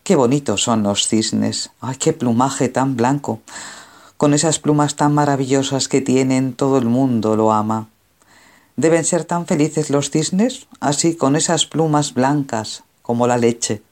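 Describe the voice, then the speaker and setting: A man's voice: mid-range voice, measured pace, a little mellow, lightly acted. A man voicing a sad, self-pitying male crow who longs to be a swan, speaking in a plaintive, lamenting way. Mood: longing.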